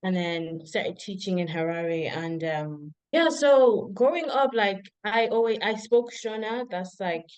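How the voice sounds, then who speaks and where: Smooth-voiced Zimbabwe-born woman, reflective. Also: mid-range voice, expressive, measured pace, few pauses, a little mellow, no room sound, rough recording. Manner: reflective, storytelling, frequent "like" fillers. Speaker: guest, doctoral researcher. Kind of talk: casual interview conversation.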